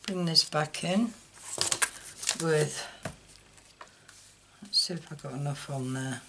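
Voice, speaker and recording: Filmed from above her desk with only her hands in view, an older woman chats in a self-deprecating, casual way while demonstrating card-making at a craft table. She has a low-pitched voice and takes things slowly, with background noise present.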